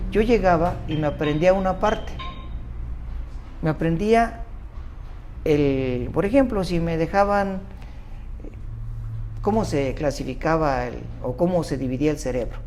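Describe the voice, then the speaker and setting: Here the older Mexican-accented doctor sounds high-pitched with a darkish tone. As an interview guest, he recounts his life conversationally, wandering off track and correcting himself mid-thought.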